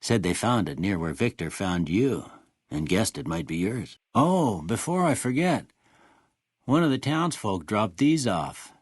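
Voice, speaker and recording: An older male actor voicing a kindly, wry small-town doctor in a video game, with a folksy American rural Western drawl and a raspy voice. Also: on the low side, very animated, no room sound, clean studio sound, full character voice. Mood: calm, measured. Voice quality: raspy, gravelly. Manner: folksy, unhurried, plainspoken. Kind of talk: video game character dialogue.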